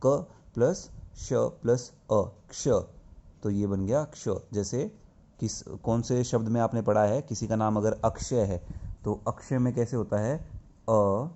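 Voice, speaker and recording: A man teaching a grammar lesson to young pupils. He explains slowly and step by step, asking questions and answering them himself. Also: lowish voice, mellow. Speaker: school teacher. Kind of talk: classroom lesson. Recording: dull lo-fi recording.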